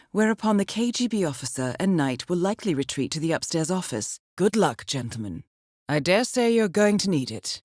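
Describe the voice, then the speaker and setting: An actress voices a calm, dryly funny intelligence handler in a video game, briefing an assassin in a formal, understated and ironic way. Her female voice sits on the low side, and the studio-quality recording is dry. The mood is dry and wry.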